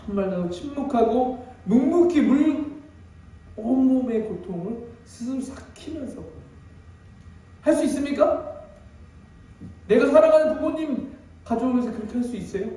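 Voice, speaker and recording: A man's voice: very high voice, animated, normal speed, long pauses, warm tone. A man preaching an emotional sermon as pastor, dramatic and emphatic, with many rhetorical questions. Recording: very echoey hall, distant mic.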